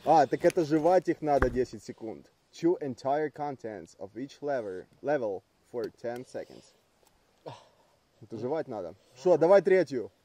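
A man's voice: medium pitch, animated, unhurried, warm tone. A young man in casual, coarse, blunt and teasing chat, recorded outdoors at a campsite.

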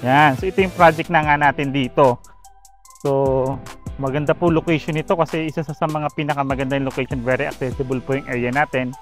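Soft music plays under a medium-pitched, fairly even voice moving at a brisk clip. It belongs to a thirtysomething Filipino real estate agent and channel host giving a walking tour of a bright, open construction site on a clip-on mic, using cheerful sales talk full of fillers.

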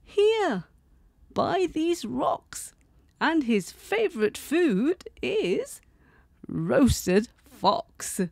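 A woman voicing a small, clever, boastful mouse in a high, emphatic voice. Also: very animated, drawn-out words, vocal fry, a little mellow, no room sound, clean studio sound, full character voice.

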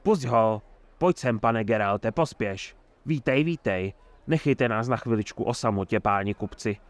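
A man's voice: lowish voice, lively intonation, lightly acted. A man doing a sly jovial old mayor. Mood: sly, hearty. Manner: effusive, sly and talkative. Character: jovial scheming male town mayor, older.

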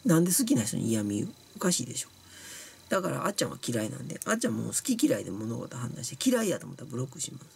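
A man's voice: mid-range voice, big pitch swings, very fast, gravelly, husky. A man with a Kansai accent, tipsy and sleepy from drinking, bluntly scolding viewers in a rambling casual monologue. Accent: Kansai Japanese. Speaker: YouTuber talking to viewers.

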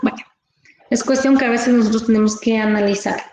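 A woman teaching a class over a video call, explaining slowly and asking her pupils questions. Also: fairly high pitch, fairly even intonation, darkish tone. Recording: very echoey room with faint noise.

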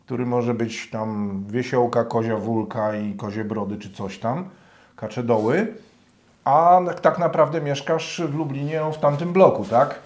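A man's voice: medium pitch, a little slow, darkish tone. Chatty male interview host. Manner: casual, chatty, relatable examples. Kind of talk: conversational interview questions.

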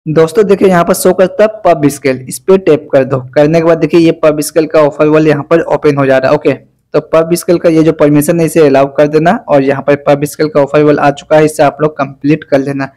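A man narrates a phone app tutorial in a slightly high, monotone voice. He moves slowly and deliberately through each step, his energy low from fasting, repeating the instructions as he goes. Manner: instructive, repetitive step-by-step guidance. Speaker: app reviewer. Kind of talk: screen-recorded app tutorial.

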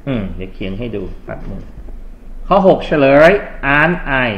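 A man teaching English grammar in a classroom review, speaking with a Thai accent, patient and coaxing as he reads exam sentences slowly. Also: fairly low pitch, sing-song, lo-fi sound.

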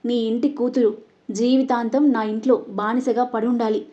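A woman voicing a cold young man bent on revenge, speaking gravely and seriously. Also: on the high side, level tone, moderate pace, dark tone, dull audio, natural voice. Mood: menacing.

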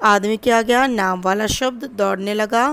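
A woman teacher giving a recorded class lesson, slowly going through workbook answers and explaining each one to her students. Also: mid-range voice, fairly even intonation, fairly bright tone, smooth. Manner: slow and explanatory, addressing students as "beta". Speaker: primary school teacher.

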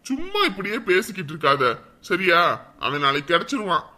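Husband, firm reassuring manner, very bright tone. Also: male voice, high voice, sing-song, fairly quick, heavily acted. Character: steady village husband calming his wife. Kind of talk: village web-series drama.

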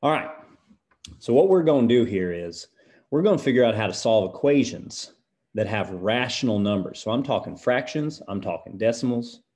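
A man's voice: mid-range voice, expressive, normal speed, darkish tone, natural voice. A math teacher putting on a country accent to play a folksy, patient male teacher, walking through equations and checking in with "right?" as he goes. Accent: put-on American country. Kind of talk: lesson video.

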